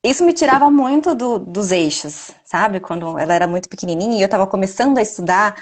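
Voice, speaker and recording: A woman's voice: medium pitch, expressive, quick pace. A mother talking reflectively in a casual live video chat, often ending her points with a tag question.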